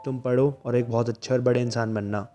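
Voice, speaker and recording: Guy voicing a bossy teen schoolgirl, scolds the boys, stays in his own low voice. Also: fairly even intonation, fairly quick, warm tone, faint music behind, lightly acted. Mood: chiding. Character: cheerful, bossy teenage schoolgirl.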